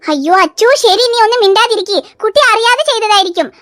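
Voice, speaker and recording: A woman voicing a calm, gently scolding mother in a cartoon. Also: very high-pitched, quick pace, very noisy. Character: soothing cartoon mother of three girls. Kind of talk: cartoon voice acting.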